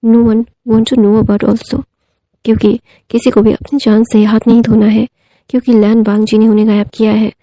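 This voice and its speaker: A woman's voice: on the high side, little pitch movement, normal speed, mellow, no echo, rough recording. A woman narrating a fan fiction story in a casual, conversational way with frequent asides and fillers.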